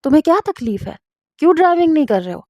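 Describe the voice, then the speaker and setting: A domineering, short-tempered rich husband who speaks with threats and scorn, as a woman narrator puts him on. The voice stays soft-edged and warm in tone. It is recorded dry and close, like a storybook reading. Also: fairly high pitch, no echo, dull audio, natural voice. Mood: angry.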